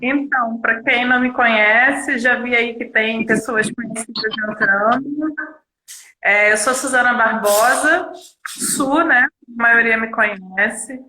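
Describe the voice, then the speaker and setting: A woman's voice: a little high, measured pace, bright, forceful tone. A woman guest on a live stream talking about her work in an earnest, explanatory way. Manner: nervous at first, then earnest and explanatory. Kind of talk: casual interview. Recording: echoey room.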